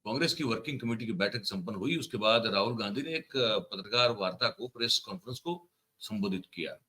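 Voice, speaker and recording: A male online news commentator addresses his viewers directly. His voice is bright and forceful, and his delivery is indignant and emphatic, pressing each point hard. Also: on the low side, expressive, brisk.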